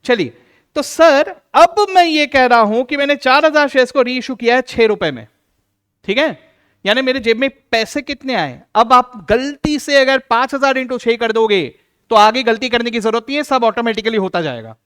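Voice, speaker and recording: A man teaching an accounts lesson, acting out teacher and student and slowing down to stress key rules. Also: very high voice, clean tone. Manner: lively, plays both teacher and student in little dialogues. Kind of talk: classroom lecture.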